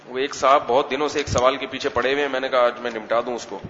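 A man's voice: medium pitch, steady tone, sharp tone, a little hiss or hum. Man lecturing in an echoey hall. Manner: conversational, with rhetorical questions and answers. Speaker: Islamic scholar giving religious rulings. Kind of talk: weekly religious lecture. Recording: echoey hall, slightly dull sound.

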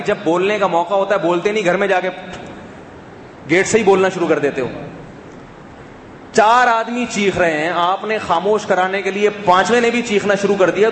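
Guy preaching, kinda high voice, big echoey hall w/ faint room hum, talks to the crowd then goes real quiet. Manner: conversational, asks the crowd rhetorical questions, drops to a soft hush for emphasis. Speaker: preacher and counselor. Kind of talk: sermon to a live audience.

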